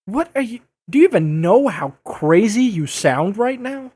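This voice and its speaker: An earnest young masked superhero played by a man in an audio drama. His pitch swings widely as he speaks, impassioned and exasperated, with a wisecracking edge. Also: lively intonation, a little slow, darkish tone, breathy edge, heavily acted. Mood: indignant, hurt.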